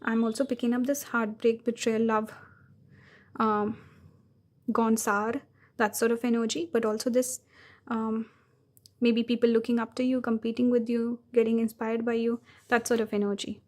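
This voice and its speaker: A woman's voice: fairly high pitch, little pitch movement, normal speed, a little mellow. A woman giving a pick-a-card tarot reading, talking casually with frequent fillers and self-corrections. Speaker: tarot reader.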